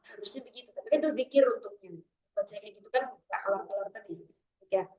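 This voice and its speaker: A woman teaching Quran recitation, slowly drawing out the letter sounds in drills. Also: medium pitch, warm tone. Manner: slow, drawn-out demonstrations of letter sounds. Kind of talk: tajwid lesson with drills. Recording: echoey, dull lo-fi room recording.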